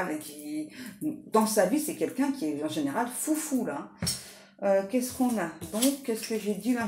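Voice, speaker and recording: Woman, tarot reader, chatty, filler-heavy, mellow voice, echoey room. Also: mid-range voice. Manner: chatty, many fillers and restarts. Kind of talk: casual tarot reading to camera.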